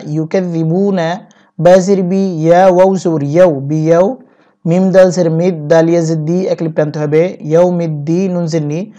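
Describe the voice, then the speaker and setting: A man teaching Quran reading, spelling out syllables one by one and chanting each verse slowly. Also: a little high, mellow. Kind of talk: step-by-step recitation lesson. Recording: dull lo-fi recording.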